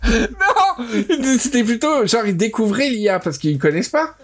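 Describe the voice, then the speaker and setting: A man hosting a podcast in casual chat, chatty and quick to laugh. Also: very high voice, very animated. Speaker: podcast host.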